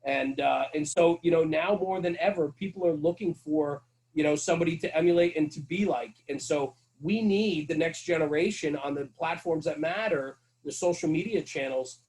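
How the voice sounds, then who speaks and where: Speaking at a moderate pace with barely a pause, this middle-aged man has a fairly high, darkish voice, and the audio is poor. A firefighter and fire-service radio host, he's a podcast guest talking casually about his job, earnest and emphatic, and he repeats his main points.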